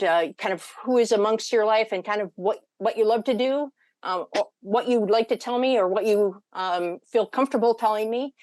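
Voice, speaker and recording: A woman's voice: mid-range voice, darkish tone, no room sound. A woman hosting an informal online panel, speaking in a chatty, rambling way as she moderates. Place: online video meeting.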